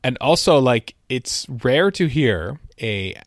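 Guy cohost, super lively up-and-down voice, playful banter, dry sound. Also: mid-range voice, no room sound. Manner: lively and playful, quick to chime in. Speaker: podcast co-host. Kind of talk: casual chat about an old TV episode.

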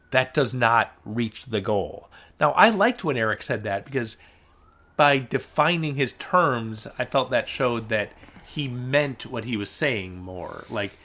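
A man's voice: mid-range voice, fairly bright tone. Rambling, wry male podcast co-host. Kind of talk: casual chat recapping a dating show.

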